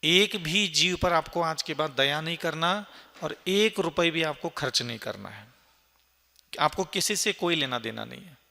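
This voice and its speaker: A man's voice: on the high side, gravelly, bright, forceful tone. A man, a monk, preaching to an audience in an earnest, emphatic way, using lists and rhetorical questions. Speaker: Jain monk giving a Q&A discourse. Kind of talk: sermon answering questions. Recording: long hall reverb.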